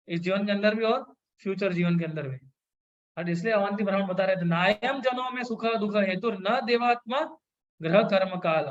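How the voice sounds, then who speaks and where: Male lecturer, high-pitched, explains scripture and chants verses slowly; a bit lo-fi. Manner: chants Sanskrit verses slowly, mixes English phrases. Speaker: devotional speaker.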